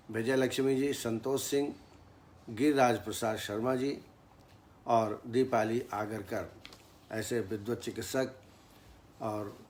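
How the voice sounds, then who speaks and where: A man teaching Ayurveda in a formal lecture, speaking in a measured tone and reciting Sanskrit verses. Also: mid-range voice, darkish tone, a little hiss or hum.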